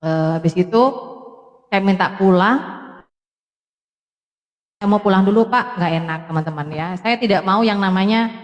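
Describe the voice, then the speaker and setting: A woman's voice: lowish voice, lo-fi sound. A woman from Madura chatting casually with her live-stream viewers, laughing often as she talks straight to them. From Madura, Indonesia. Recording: roomy echo with long reverb.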